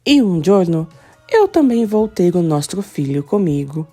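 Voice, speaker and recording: Uma mulher lendo as falas de um imigrante italiano teimoso, com tom firme e insistente. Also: female voice, fairly low pitch, big pitch swings, unhurried, dark tone, soft background music. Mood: firm. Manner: firm, insistent. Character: stubborn Italian immigrant man, firm.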